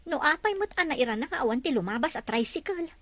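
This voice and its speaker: A woman's voice: high voice, lively intonation, fast talker, fairly bright tone, dry recording. A woman with an Ilocano accent acting a dutiful young mother, polite to her elders, in a family drama. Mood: polite, anxious.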